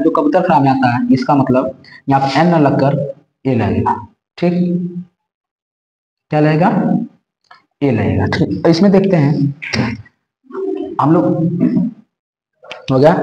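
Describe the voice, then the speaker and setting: Guy teaching grammar in an echoey room, kinda high voice, keeps asking "ok?". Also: darkish tone. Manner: repetitive, checks in with listeners often. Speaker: English teacher. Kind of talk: classroom grammar lesson.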